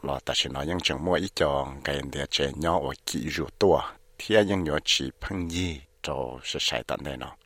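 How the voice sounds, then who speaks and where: Very deep-voiced male news narrator. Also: fairly quick, hardly any pauses, a bit bright, slightly rough, no echo.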